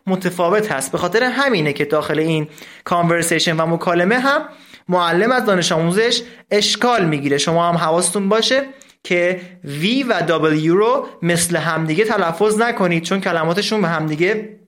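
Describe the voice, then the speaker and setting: A man teaching English from a textbook in a recorded lesson, explaining step by step and saying English words slowly. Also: sits high, fairly bright tone.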